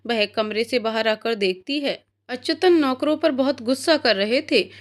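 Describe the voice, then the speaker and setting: A woman narrating a moral story in a steady, clear reading. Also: on the high side, normal speed.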